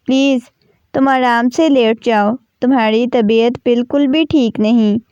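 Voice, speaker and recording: A woman voicing a gentle, worried mother-in-law who speaks softly and reassuringly in a storybook reading. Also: fairly high pitch, steady tone, smooth, no echo, lo-fi sound, close to an everyday voice. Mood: soothing. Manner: soft, reassuring.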